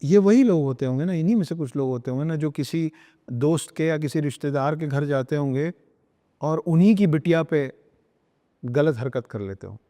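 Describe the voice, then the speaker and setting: A man's voice: a little high, moderate pace, warm tone, long reverb tail. A man speaking as a podcast guest, emphatic and lecturing, repeating himself for stress and slipping into English phrases. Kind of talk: earnest podcast talk on spirituality and parenting.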